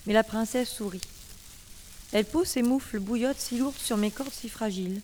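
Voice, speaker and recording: A woman narrating a children's story in the first person, expressive and playful. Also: a little high, normal speed, a little hiss or hum.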